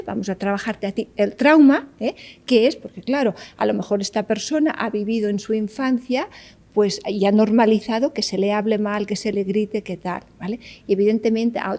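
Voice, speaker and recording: A woman with a warm, medium-pitched voice is a psychologist guest in an interview. She explains her ideas in a teaching manner and frequently checks in with "¿vale?".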